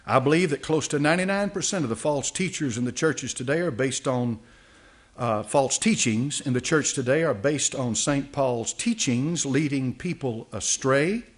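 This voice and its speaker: Older man, pastor, sermon, church sanctuary, podium mic, halting with fillers. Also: medium pitch, animated. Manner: halting, with many fillers and restarts. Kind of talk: sermon, reading aloud and commenting.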